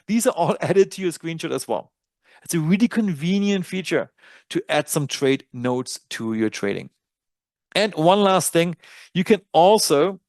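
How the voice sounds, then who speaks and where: In this webinar software walkthrough, a German-accented man shows off a trading dashboard, his voice on the high side and a little mellow. The recording has no room sound, and he covers features in a relaxed manner, often self-correcting.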